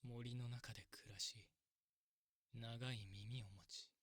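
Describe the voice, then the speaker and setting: Man as a husky, courteous elf priest, ASMR role-play. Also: mid-range voice, steady tone, no echo, clean studio sound. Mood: reflective, sad. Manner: very polite, soft, measured. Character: kindly, courteous, long-lived male elf priest, wistful and gentle.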